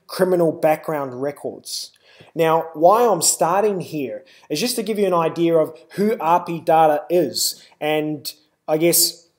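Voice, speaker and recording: A man's voice: fairly high pitch, darkish tone. A man with a New Zealand accent giving a live webinar presentation, talking loosely with lots of "uh" and "you know".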